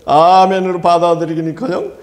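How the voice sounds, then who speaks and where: Animated Korean pastor preaching in an echoey hall. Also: male voice, sits high, a little fast. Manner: animated, laughing often, asks the congregation for amens. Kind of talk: sermon.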